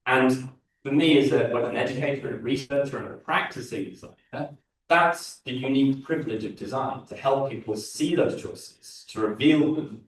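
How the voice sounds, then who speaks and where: A man with a London accent lectures at a design conference, earnest, restarting phrases and filling pauses as he thinks aloud. His voice sits in the middle range and is picked up from some distance, so it sounds thin against the room. A heavy, ringing echo from the large hall surrounds every word. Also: medium pitch. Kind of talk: conference talk. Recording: very echoey hall from far off.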